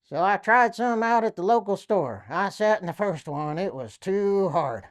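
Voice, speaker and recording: A woman's voice: mid-range voice, normal speed. A woman comedian telling silly jokes and short stories, jumping into acted quotes. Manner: lively storytelling with acted quotes.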